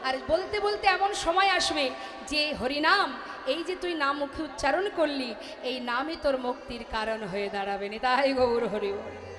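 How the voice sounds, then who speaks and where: High-voiced Bengali woman preaching in echoey hall. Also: normal speed. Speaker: kirtan singer and preacher. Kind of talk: devotional chanting and spoken sermon.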